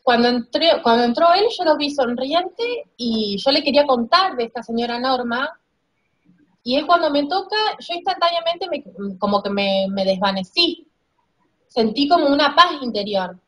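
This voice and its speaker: A woman's voice: high voice, expressive, normal speed, a bit bright. A woman recounting a vivid dream in a casual, hesitant way, restarting her phrases. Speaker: client's wife recounting a dream. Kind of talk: casual storytelling.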